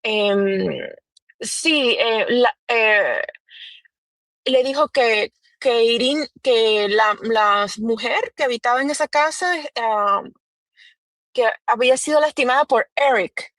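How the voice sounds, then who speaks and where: A woman recaps events in a casual live audio chat, pausing often and filling gaps with ums and ehs. Her voice sits a little high and the sound is dry. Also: a bit bright, no room sound. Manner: hesitant, many fillers, acts out quoted dialogue. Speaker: guest reporting on a trial.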